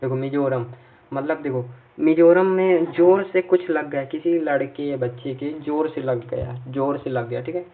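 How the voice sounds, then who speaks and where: A man's voice: fairly high pitch, a little slow. A man teaching an exam-prep lesson through memory tricks. He repeats himself a lot and keeps checking in with his listeners. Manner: repetitive, checks in often with "ठीक है". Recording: tinny, phone-like sound from a distance off mic.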